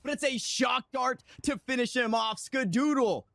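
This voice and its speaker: A man's voice: extremely high pitch, normal speed, fairly bright tone. A man working as an esports caster, giving running play-by-play commentary in clipped phrases.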